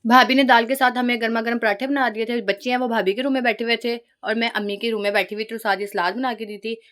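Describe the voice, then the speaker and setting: Woman vlogger, thirties, high pitch, casual running narration of family life. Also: fairly even intonation, quick pace, a bit bright. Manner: chatty, narrating family moments as they happen.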